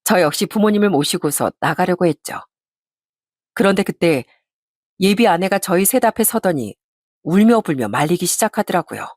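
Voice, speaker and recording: A woman's voice: fairly low pitch, normal speed, no echo, studio quality. A woman narrating a dramatic true-story audiobook as a scripted reading. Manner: even storytelling read.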